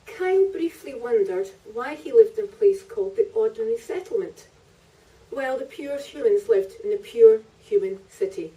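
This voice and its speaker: This woman author has a slightly high, mellow voice and reads her own narrative prose in an animated way at a moderate pace. A distant microphone picks her up at a live festival reading in a library venue.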